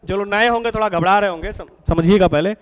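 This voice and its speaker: A man's voice: high-pitched, quick pace, rough recording. A man teaching a chemistry class, coaxing students with questions and repeating their answers. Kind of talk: classroom lecture.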